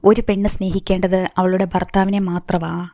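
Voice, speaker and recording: A woman's voice: lowish voice, level tone, moderate pace, warm tone, no echo, natural voice. Tearful grieving mom pleading with her daughter, as a woman reader puts her on, audiobook, dry. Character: grieving middle-aged mother, tearful.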